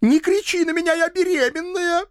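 A man's voice: very high voice, moderate pace, no room sound, clean studio sound, voice pushed up. A man reading an audiobook, voicing an affectionate, pampered young demoness wife who purrs sweetly and turns petulant.

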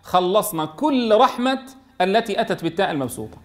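A man teaching a tajweed lesson, asking questions and answering them himself, and chanting verse lines slowly. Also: high voice, lively intonation. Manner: explains by asking and answering his own questions. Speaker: Quran teacher.

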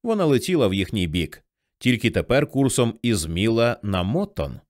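A man narrating a novel as an audiobook in a vivid, expressive storytelling manner. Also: fairly low pitch, moderate pace, no room sound, clean studio sound.

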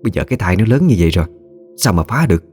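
A man's voice: low-pitched, very animated, very fast, a little mellow, husky, faint music behind, full character voice. A man voicing a cruel, scheming middle-aged aunt who speaks harshly and snarls her words. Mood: scolding.

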